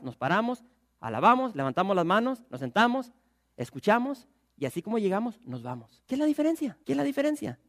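A man's voice: high voice, vocal fry, no echo, studio quality. A man preaching a sermon, emphatic and full of rhetorical questions. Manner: emphatic, rhetorical questions, addresses listeners as brothers.

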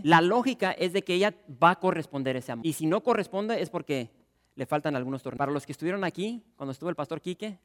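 A pastor delivers a sermon in a high voice, building to emphatic peaks and calling out to the congregation. His words ring with a long reverberation from the hall around him. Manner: preacherly, rising to emphatic peaks, addresses listeners as "tío" and "hermanos".

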